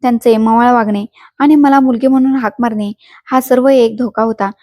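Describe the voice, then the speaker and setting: A woman's voice: on the high side, steady tone, moderate pace, mellow, no echo, studio quality. Woman narrating a dramatic story. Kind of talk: scripted first-person story narration.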